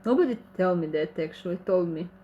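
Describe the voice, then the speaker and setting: A native Croatian speaker with a Croatian accent hosts a casual livestream Q&A, reading viewer comments aloud and replying in friendly, slightly broken English. Her voice is fairly low and warm, animated, and fairly quick. The recording is muffled, with a bit of hiss or hum.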